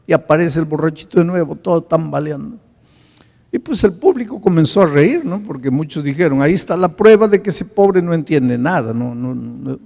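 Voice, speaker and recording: A male pastor telling a story in a sermon, swinging from hushed to loud. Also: fairly high pitch, gravelly, big-room sound.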